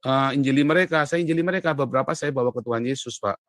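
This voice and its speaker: A man recounts his life as an evangelist in an interview, his voice bright and forceful. He leans hard on key words, his pitch and volume climbing when he presses a point. The recording is dry and close. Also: racing, dry recording. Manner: emphatic, often rising sharply in pitch and loudness, addresses host as "Pak". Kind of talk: animated interview testimony. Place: Europe.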